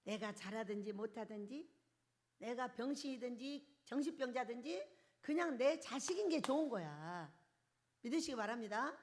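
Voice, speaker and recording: An older woman preaching in a high voice that leaps up and down all over the place. She swings between loud, emphatic bursts and quiet, soft asides. She keeps asking the congregation questions as she goes. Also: expressive, moderate pace. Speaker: pastor. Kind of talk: charismatic sermon. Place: church hall.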